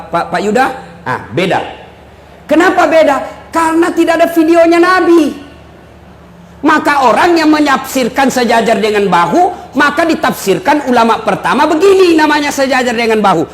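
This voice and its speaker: A male preacher giving a joking live sermon, shouting to stress his points. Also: high-pitched, a little hiss or hum. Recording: echoey hall with faint audience ambience.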